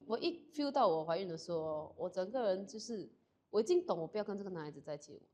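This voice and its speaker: A woman's voice: on the low side, darkish tone. A young woman guest telling a personal story candidly, switching between Mandarin and English mid-sentence.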